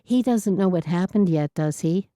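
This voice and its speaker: A woman reading as a shaken but steady young woman. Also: on the low side, normal speed, no echo, clean studio sound, close to an everyday voice.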